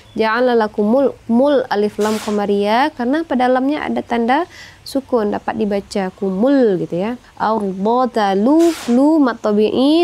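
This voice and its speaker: High-voiced woman teaching Quran recitation. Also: warm tone. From Indonesia. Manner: explains slowly, adds "ya" and "gitu" often, sings verses in long melodic phrases. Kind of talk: tajwid lesson with sung recitation.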